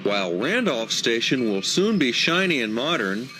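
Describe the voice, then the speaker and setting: Male documentary narrator over loud music. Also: mid-range voice, very animated, moderate pace.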